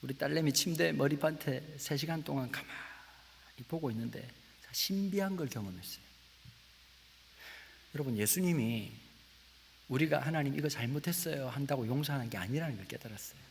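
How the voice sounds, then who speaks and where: A man in his forties preaching a sermon, telling a family story with lively acted-out dialogue and sudden drops to a whisper. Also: medium pitch, normal speed, vocal fry, long pauses. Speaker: pastor. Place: church sanctuary. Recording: echoey church hall with faint hiss.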